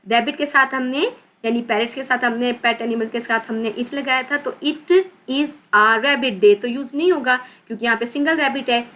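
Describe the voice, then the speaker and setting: There's slight background noise as a Pakistani-accented woman teacher walks children through an English lesson. Her voice is on the high side and fairly bright, and she reads each English word slowly, repeats it and spells it out.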